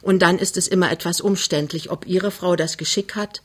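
A reader voicing a skeptical, tired middle-aged doctor who speaks in a raised, pressing, hurried way. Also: mid-range voice, steady tone, a bit bright, breathy edge. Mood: brisk.

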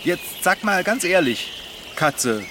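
For a children's radio play, an actor portrays a bewildered bike mechanic with no memory who stammers and giggles nervously. His voice is high, very animated, slow and exaggerated, with background noise from an outdoor nature setting.

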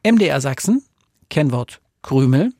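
Male children's radio host, gravelly husky voice, flustered, stammering, dry close sound. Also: medium pitch, very animated, unhurried, warm tone, dry recording.

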